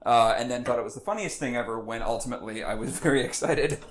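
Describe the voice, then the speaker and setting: A man's voice: medium pitch, fast talker. A man co-hosting a casual podcast while cooking, talking in a playful, jokey way. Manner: playful, jokey, slips into silly voices. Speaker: podcast co-host. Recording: faint background noise, home kitchen.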